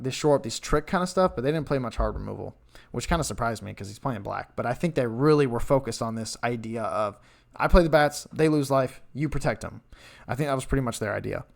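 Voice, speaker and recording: A man's voice: medium pitch, gravelly. A young man casually recounting a tournament match, rambling and correcting himself as he tells it. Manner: rambling, self-correcting, animated retelling. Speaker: card game content creator. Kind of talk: casual storytelling recap.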